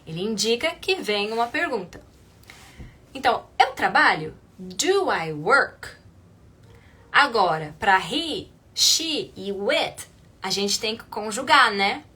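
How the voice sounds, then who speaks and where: Husky Brazilian woman teaching English. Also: a little high, sing-song, measured pace, sharp tone. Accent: Brazilian Portuguese. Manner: explains patiently, checks in with tag questions. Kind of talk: online language lesson.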